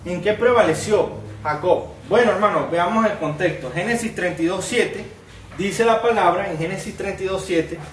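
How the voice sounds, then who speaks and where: A man's voice: high-pitched, normal speed, far from the mic, a little hiss or hum. Male pastor preaching in an echoey room. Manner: asks the congregation rhetorical questions and calls them brother; reads scripture aloud with rising emphasis. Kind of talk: sermon.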